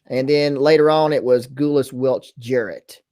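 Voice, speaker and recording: A man's voice: mid-range voice, steady tone, a little slow, darkish tone. A man co-hosting a casual talk show, adding facts and corrections in a matter-of-fact way. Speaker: co-host. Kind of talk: casual chat.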